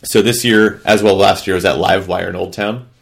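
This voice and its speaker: A man's voice: sits low, steady tone, normal speed, vocal fry. A man in casual podcast chat, explaining things matter-of-factly, a little distant from a shared microphone. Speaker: podcast co-host. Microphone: one shared microphone. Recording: distant from a single shared mic.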